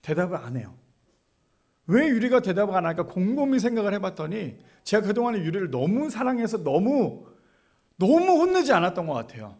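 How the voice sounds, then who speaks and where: A man's voice: high-pitched, sing-song, brisk, a little mellow. A male pastor giving a sermon in a conversational way, often asking his congregation rhetorical questions. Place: church.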